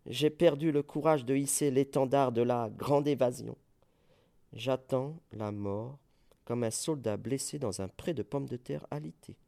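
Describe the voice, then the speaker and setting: A man in his forties giving a dramatic poetry recitation, theatrical, moving between hushed murmurs and sudden cries. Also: medium pitch, measured pace, vocal fry. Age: 40s.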